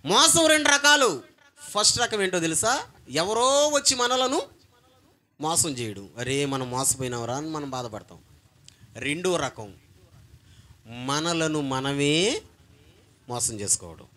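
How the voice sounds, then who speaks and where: A man preaching a sermon as pastor, calling on the congregation to answer loudly. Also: fairly high pitch, expressive, unhurried, pauses often. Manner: call-and-response, demanding congregation repeat loudly; emphatic, swings between soft and loud.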